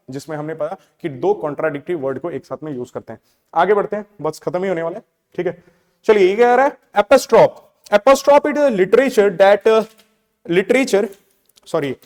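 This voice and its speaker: A young man with a high voice teaches a class, explaining in Hindi mixed with English. He keeps checking in with the students and slows right down when he reads English definitions. The room carries a long, ringing reverb. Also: a little mellow. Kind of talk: classroom lecture.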